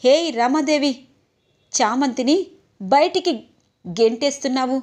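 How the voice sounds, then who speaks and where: A woman's voice: high voice, measured pace, darkish tone. A woman narrator voicing a powerful elder matriarch who commands and threatens. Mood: commanding.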